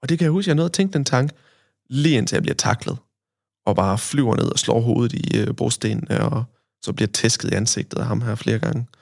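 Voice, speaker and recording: A man's voice: medium pitch, creaky, a little mellow, no echo, studio quality. A man from Denmark, a podcast guest, telling a long story in casual chat, rambling with many fillers and tag questions.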